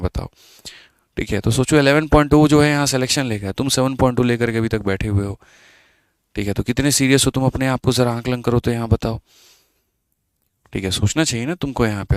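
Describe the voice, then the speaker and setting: A man's voice: mid-range voice, clear, resonant tone, dry recording. A man teaching maths in a live online exam-prep class, chatty and scolding his students, mixing English terms into his talk.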